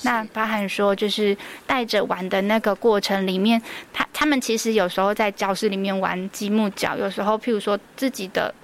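A woman's voice: mid-range voice, fairly even intonation, fairly quick, hardly any pauses. A woman with a Taiwanese Mandarin accent, a preschool teacher guest on a radio interview, telling stories earnestly with many fillers.

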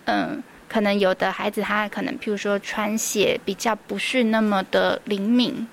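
A woman's voice: medium pitch, flat delivery, moderate pace, vocal fry, slight background noise. A woman with a Taiwanese Mandarin accent, a preschool teacher guest on a radio interview, telling stories earnestly with many fillers.

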